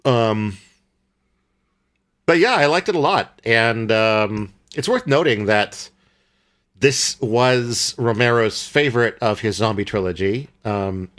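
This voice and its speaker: On a podcast, a young man co-hosting speaks slowly in a lowish, fairly bright voice about a film. His casual talk rambles, and he keeps stopping to grope for words, using many fillers and restarts.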